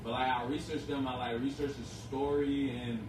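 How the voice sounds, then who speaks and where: A young Haitian man who owns a clothing shop is a guest in a casual interview. His medium-pitched voice is flat and moderately paced, and he talks earnestly and ramblingly with many fillers. The recording is noisy, with an echoey room and distant mic.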